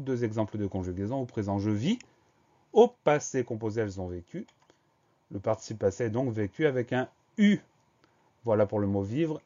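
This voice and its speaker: A man teaching a dictation lesson, spelling each word slowly and patiently, letter by letter. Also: medium pitch, mellow, dull audio. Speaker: French teacher.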